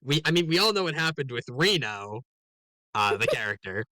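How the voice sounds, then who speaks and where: A man's voice: mid-range voice, moderate pace, no echo. A man playing in a tabletop game, chatting casually and joking with the group. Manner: joking, animated banter. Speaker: player. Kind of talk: casual chat.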